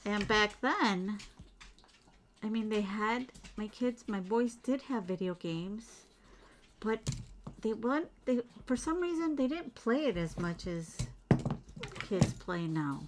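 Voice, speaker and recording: Slow and expressive, a middle-aged woman's mid-range voice meanders as she beads during a relaxed home livestream, stopping to read what viewers have commented. There's a little hiss or hum.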